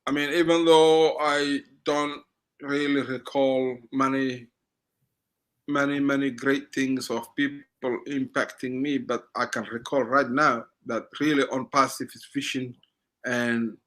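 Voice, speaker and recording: A middle-aged man from Somalia with a Somali accent, chatting as an interview guest in halting, restarting sentences. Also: medium pitch, bright, forceful tone. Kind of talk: casual interview talk.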